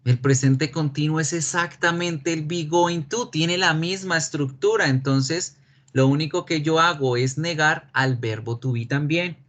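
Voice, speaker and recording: Slow, patient male Spanish-speaking teacher. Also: on the high side, a bit bright. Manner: slow, patient explaining with frequent check questions. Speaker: English teacher. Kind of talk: online class lecture. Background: keyboard typing.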